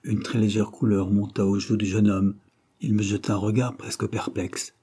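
A man's voice: flat delivery, normal speed, mellow, breathy edge. A man reading a detective story aloud as an audiobook narrator, lifting his voice for the characters' lines. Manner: raises pitch and volume to voice the characters' quoted lines.

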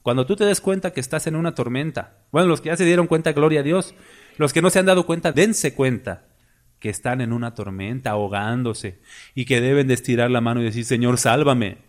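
A man's voice: mid-range voice, brisk. A man preaching a sermon, emphatic and full of rhetorical questions to the congregation.

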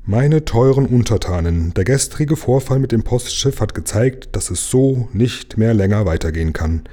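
A man's voice: mid-range voice, lively intonation, normal speed, mellow, natural voice. A man voicing a fussy, self-important old king who sighs over his own decrees, read aloud from a children's book. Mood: pompous. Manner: sighing, self-important official tone.

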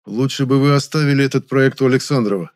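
A man's voice: medium pitch, fast, voice pushed up, natural voice. A man voicing a defiant young male producer in an audiobook, speaking firmly and tensely.

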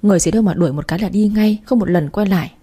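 A woman with a mid-range, mellow, slightly rough voice reads a first-person story aloud as an audiobook narrator, speaking very fast. She voices the other characters' dialogue in her own voice.

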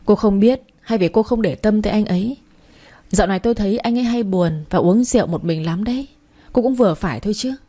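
A woman voicing a sharp-tongued young woman from a storybook, scolding and reproachful. The tone stays mellow. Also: medium pitch, fast, close to an everyday voice.

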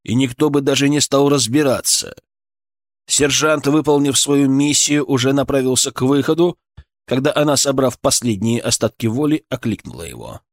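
A man narrating an audiobook in a dramatic, expressive manner, close on the mic. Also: medium pitch, moderate pace, no room sound. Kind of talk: scripted narration.

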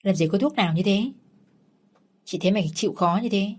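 A woman's voice: mid-range voice, fairly quick, lightly acted. A woman voicing a frank, gossipy woman who sells medicine. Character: frank, kindly pharmacy saleswoman.

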